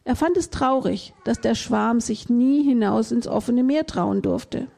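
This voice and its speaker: A woman reading a children's story aloud in a gentle storytelling manner. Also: on the high side, measured pace, gravelly. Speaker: reader.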